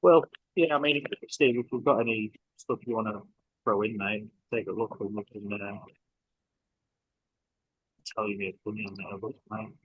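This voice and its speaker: A man with a low, flat, husky voice comes through a muffled, lo-fi call line that sounds like he is underwater and keeps breaking up. He rambles hesitantly, with many fillers and restarts. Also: normal speed, long pauses, no echo. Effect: muffled, underwater-sounding, breaking-up call audio. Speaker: trader reviewing charts on a group call. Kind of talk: casual group call.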